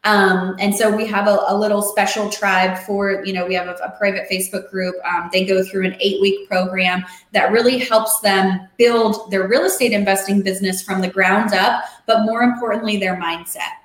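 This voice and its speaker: A middle-aged woman talking casually as a podcast guest, animated, acting out the voices she quotes. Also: medium pitch, normal speed, hardly any pauses, echoey room, poor audio. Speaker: podcast guest, real estate investor and coach. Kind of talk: casual interview chat.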